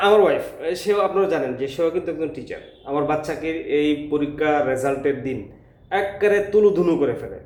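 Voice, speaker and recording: A man's voice: fairly high pitch, darkish tone. Hesitant man teaching in an echoey room. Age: adult with a school-age child. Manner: hesitant, many filler sounds, earnest. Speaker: English teacher. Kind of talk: informal talk to parents. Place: classroom. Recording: echoey room, faint ambience.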